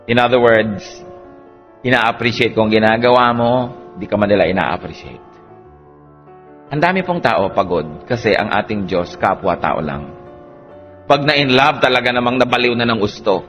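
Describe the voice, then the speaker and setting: A man preaching a sermon, animated, swinging between soft passages and emphatic peaks. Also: fairly low pitch, normal speed, long pauses, faint music behind.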